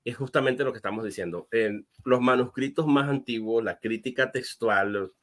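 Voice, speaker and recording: Pastor guy walking through scripture, lots of "eh" and restarts, mid-pitched voice. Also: normal speed. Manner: earnest, explaining step by step with frequent fillers and restarts. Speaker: guest answering viewer questions. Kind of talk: explanatory Bible teaching.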